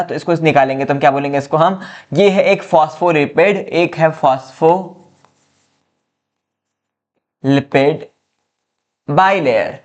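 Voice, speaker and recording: A man with a higher-pitched voice gives a biology lecture in class, calling his students "बच्चा". He poses questions, repeats them and answers them himself, frequently saying "ठीक है".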